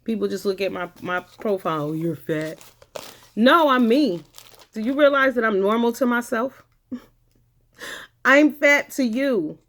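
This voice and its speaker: Fairly high and a little bright, this woman's voice is animated but slow, with long pauses and slight background noise. Ranting to the camera as a vlogger, she is blunt, swears often and repeats phrases for emphasis.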